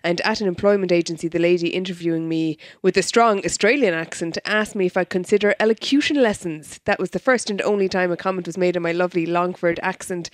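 A woman's voice: medium pitch, dry recording, studio quality. An Irish woman co-hosting a radio show in a conversational presenting style. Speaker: radio co-host. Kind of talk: conversational radio presenting, reading listener texts. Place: dry radio studio.

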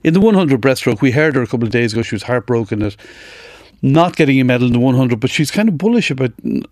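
A man's voice: medium pitch, expressive, fast talker, a little mellow, no room sound. A man with an Irish accent presenting live radio sports news and interviews from a studio.

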